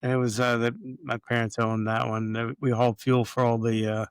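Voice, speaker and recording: A man from Jamaica, a yacht captain, talking as a guest in a relaxed, hesitant way with many fillers. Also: medium pitch, normal speed, clean tone, no echo. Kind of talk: casual interview chat.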